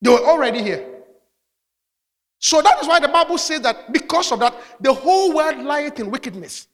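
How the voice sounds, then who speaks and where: A man preaching to his congregation in a high, animated voice that rises and falls as he drives each point home. His bright tone rings out through a church hall with a long reverb, and he punctuates his teaching with calls of hallelujah. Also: normal speed. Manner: preaching with call-outs of hallelujah. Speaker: pastor. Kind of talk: sermon.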